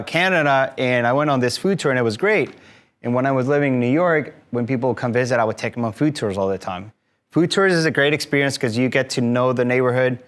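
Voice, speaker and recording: In an event room, a tour company owner from Mexico, in his thirties, addresses the audience conversationally as a guest speaker. His voice is medium in pitch, and he explains things warmly with lots of "um"s.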